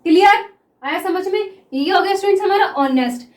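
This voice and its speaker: A high-pitched woman gives a classroom lesson, drawing out example words as she writes them and checking in with her students again and again. The room rings with a noticeable echo. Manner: repeats words slowly while writing, asks 'clear?' often. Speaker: shorthand teacher.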